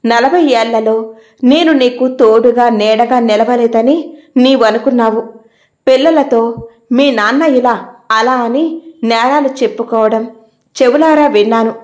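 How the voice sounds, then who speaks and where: A woman voicing an older man's letter to his wife, measured and reflective, in a storybook reading. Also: a little high, lightly acted. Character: late husband, older man, calm and wise.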